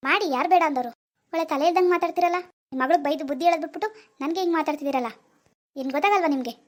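A young man acts out a stubborn young villager from in a homemade drama. He talks fast and blunt in a fairly high voice. He never gives ground. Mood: defiant. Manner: quick, blunt arguing.

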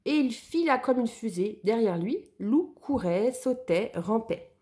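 A woman narrating a children's story in a lively, expressive way. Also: on the high side, a little slow.

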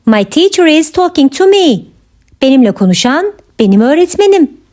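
A woman English teacher with a Turkish accent, drilling simple English sentences slowly, repeating each one and then translating it. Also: high voice, very animated, darkish tone. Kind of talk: slow bilingual lesson drill.

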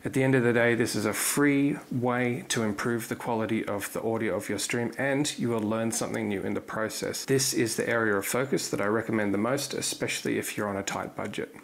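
Calm man explaining to camera. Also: medium pitch. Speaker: cooking streamer. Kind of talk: scripted talk to camera. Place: home kitchen, indoors. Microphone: lavalier clipped to apron.

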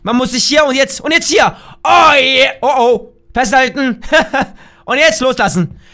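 A young man from Germany doing loud, excitable let's play commentary, often shouting and throwing in English slang. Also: very high-pitched, a little slow, creaky. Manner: mixes English slang into his talk. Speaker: gaming YouTuber.

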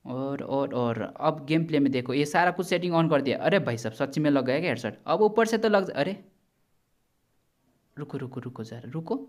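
A man's voice: on the high side, expressive, brisk, few pauses. A man giving casual gameplay commentary as a gaming YouTuber, chatty and blunt, warning his viewers and swearing now and then. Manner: chatty, repeatedly addresses viewers as brother.

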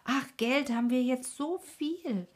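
A cheerful little girl from a bedtime storybook, put on by a woman reading aloud. The voice jumps up high and loud with delight, bright and eager. Her breathy tone stays soft at the edges. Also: very animated, brisk.

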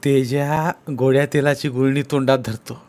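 A man narrating a story as an audiobook reader, with measured, even delivery. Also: medium pitch.

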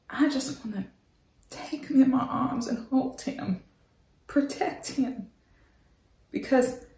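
Woman acting a hurt, pleading woman in a searching dramatic monologue, halting, creaky, roomy echo. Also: sits high, mellow, heavily acted. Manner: halting, searching, with breathy drops to near whisper. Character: hurt, pleading woman leaving her fiancé. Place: small indoor room, plain backdrop.

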